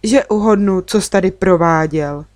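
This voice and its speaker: A woman reading a storybook, voicing a cheerful, kind young girl who stays calm and friendly. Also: mid-range voice, no room sound, studio quality, lightly acted.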